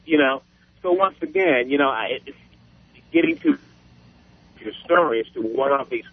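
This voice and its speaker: A man's voice: mid-range voice, huge pitch swings, moderate pace, gravelly, dry recording. A man calling in to a radio show from his truck, ranting with indignation while his cell phone call breaks up. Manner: indignant, rambling complaint. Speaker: caller.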